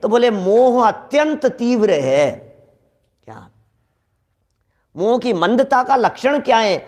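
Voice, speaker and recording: A man with a notably high voice delivers a scripture sermon in an animated, conversational way. He speaks directly to his listeners and repeats key lines for emphasis. Now and then he acts out everyday exchanges to make his point. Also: slow. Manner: animated, acts out quoted dialogue from daily life. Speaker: Jain scripture lecturer.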